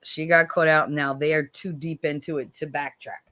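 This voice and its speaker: Speaking at a normal speed in a level tone, this U.S. livestream host reads out viewer comments and talks bluntly, swearing freely. She moves between low weariness and pointed sarcastic jabs, and the recording is dry.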